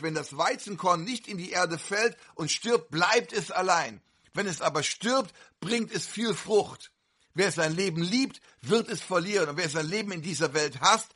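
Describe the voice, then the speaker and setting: A man preaching a fervent sermon to a congregation, with sudden loud outbursts. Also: high-pitched, breathy edge.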